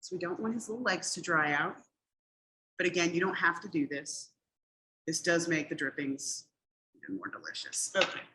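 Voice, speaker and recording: A woman's voice: on the low side, expressive, normal speed, long pauses, bright, forceful tone, poor audio. A middle-aged woman leading a cooking demonstration in a casual, chatty way, explaining each step and often checking in with "okay?". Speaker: cooking class instructor.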